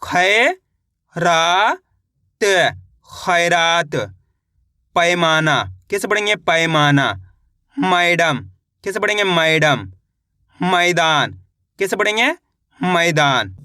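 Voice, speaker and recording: Guy with a high bright voice teaching hindi reading, slow and patient, sounds dry and close. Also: animated, clean tone, no echo. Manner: patient, repeats each word slowly syllable by syllable, then speeds up for explanations. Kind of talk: spelling out and reading Hindi words for learners.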